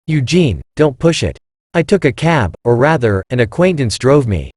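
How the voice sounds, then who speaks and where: A cool, evasive middle-aged wife, voiced plainly by a male reader. Her lines rise and fall in a lively way and sit close and dry, with no room sound around them. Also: medium pitch, normal speed, dry recording.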